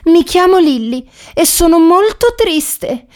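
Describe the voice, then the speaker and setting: A woman voicing a sweet, gentle young female pet dog who sounds sad and pleading. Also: animated, heavily acted. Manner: high, slow and pleading.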